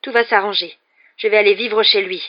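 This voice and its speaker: A reader voicing a brave, frantic teenage boy wizard, shouting urgently in an audiobook. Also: mid-range voice, steady tone, fairly quick, dull audio, voice pushed up, close to an everyday voice. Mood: desperate self-reassurance. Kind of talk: audiobook character voice.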